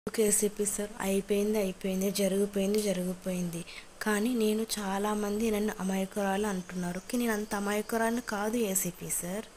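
A woman's voice: mid-range voice, darkish tone, slight background noise, natural voice. A woman reading the lines of a hurt, angry young wife, reproachful and accusing, in a serial recap.

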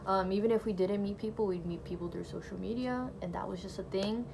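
Creaky and darkish at medium pitch, she talks quickly while a little hiss or hum runs underneath. It's a casual to-camera testimony of faith from her small bedroom; she's young, grew up in a Brazilian family speaking Portuguese first, fills her speech with "like" and "you know," and laughs softly.

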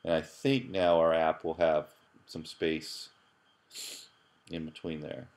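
A deep-voiced man gives a relaxed screencast tutorial from his desk. He chats loosely, stopping to restart and repeat words as he clicks along. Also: takes it slowly. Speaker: computer science professor. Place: at his computer, voice-over on screen capture.

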